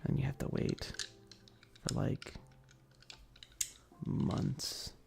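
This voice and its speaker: An ASMR streamer speaks softly, partly in a whisper, chatting casually and playfully with viewers and often repeating phrases. The pace is very slow, and the close, adjustable microphone also catches slight background noise.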